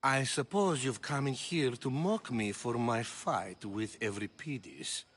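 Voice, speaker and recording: A man's voice: medium pitch, slow pace, a bit bright, breathy edge. An actor playing a vain, pompous male dramatist in a video game. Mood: rueful. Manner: pompous, self-admiring, grand. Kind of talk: video game character dialogue.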